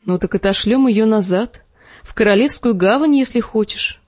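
A woman voicing a calm, scheming middle-aged lord who speaks slowly and soothingly. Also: on the high side, no echo, natural voice. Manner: slow, measured, soothing.

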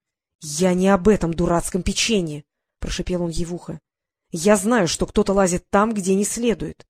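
A cold, sneering father talks down to his daughter in an insinuating, mocking tone, as a woman reads him in an audiobook. The voice sits fairly low and sounds close and dry, with no room around it. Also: normal speed, darkish tone, slightly rough, no room sound. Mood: hissing anger. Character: cold, mocking stern father, middle-aged man. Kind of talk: audiobook character reading.

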